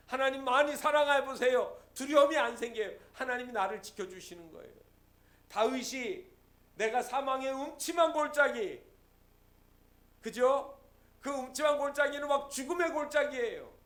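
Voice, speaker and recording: A man's voice: extremely high pitch, normal speed, fairly bright tone. A man preaching a Sunday sermon as pastor, quoting scripture and urging the congregation with rising emphasis. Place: church sanctuary.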